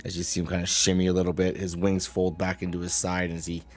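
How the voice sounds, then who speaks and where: A man improvising narration as the game master of a tabletop game, describing scenes in a halting way. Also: low-pitched, completely flat delivery, soft background music.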